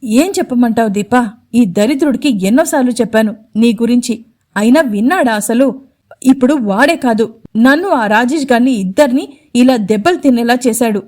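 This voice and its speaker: A woman voicing a sharp-tongued, tearful young woman, angry and sarcastic by turns. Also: on the high side, animated, normal speed. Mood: upset. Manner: angry, sarcastic, then pleading.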